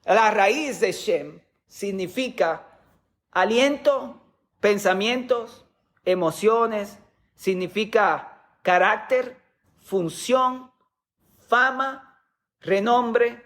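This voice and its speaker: A man's voice: high-pitched, drawn-out words, pauses often, fairly bright tone. A man preaching a sermon as a pastor, teaching with rhetorical questions and sometimes repeating words as he goes.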